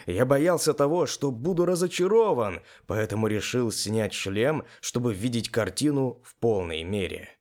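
A man reading a first-person fantasy story aloud with a very lively, expressive delivery. His pitch rises and falls freely in a mid-range voice, as in a performed audiobook. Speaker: audiobook narrator. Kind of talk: first-person narration of game fiction.

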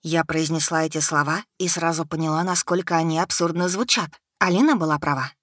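A woman reads a first-person novel aloud in a measured, expressive way. Her voice is low-pitched but bright and forceful. The recording is dry and close, with no room sound. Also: no room sound. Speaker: audiobook narrator. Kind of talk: first-person audiobook narration.

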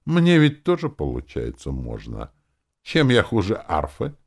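A man voicing a shrill, quarrelsome young woman ranger who screeches back in arguments. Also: expressive, moderate pace, gravelly, a little mellow, heavily acted. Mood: coaxing.

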